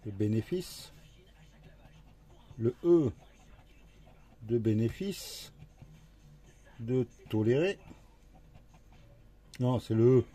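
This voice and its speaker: A man talks slowly through his scratch card, reading out letters and words as he goes. His voice is very dark and mellow, with a husky edge. He sounds like he is mostly talking to himself. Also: mid-range voice. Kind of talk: casual commentary while scratching tickets.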